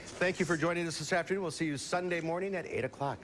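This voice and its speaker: A man anchoring a local TV newscast, chatting in a friendly, lively way with co-hosts and guests. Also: on the high side, fast talker, slight background noise. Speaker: news anchor. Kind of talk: live TV news banter. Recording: studio broadcast with music behind.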